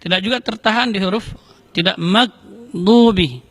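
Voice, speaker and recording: High, bright-voiced man teaching recitation. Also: vocal fry, dry recording. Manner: slow, careful explanations broken by drawn-out chanted recitation. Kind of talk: tajwid lesson with recited examples.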